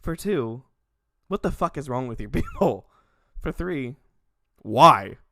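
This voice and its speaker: A young video creator with a high-ish, sing-song, unhurried voice rants animatedly in a casual comedy vlog, swearing a lot and laughing. The studio sound is clean with no echo.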